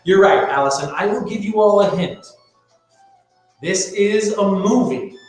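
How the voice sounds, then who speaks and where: A man's voice: high voice, unhurried. Male live trivia host, casual showman patter, strongly reverberant space with music behind. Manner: playful showman, casual asides to viewers. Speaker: host of a live-streamed trivia game show. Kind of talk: live quiz show hosting, chatting with viewers. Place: echoey room.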